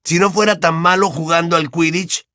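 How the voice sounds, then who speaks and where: A gloomy teenage boy sunk in guilt and mumbling his words, as a male narrator voices him. He sits somewhat above the narrator's own pitch and sounds dry and close. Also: fairly even intonation, moderate pace, sharp tone, dry recording. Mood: glum. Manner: mumbling, miserable. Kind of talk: audiobook character voice.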